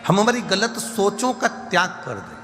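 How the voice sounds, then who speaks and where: A man preaching a devotional sermon from central India, slow and repetitive, building his points through lists. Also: high-pitched, sing-song, a bit bright. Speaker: religious storyteller. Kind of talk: devotional sermon with sung verses. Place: large live gathering hall. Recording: long hall reverb with faint music.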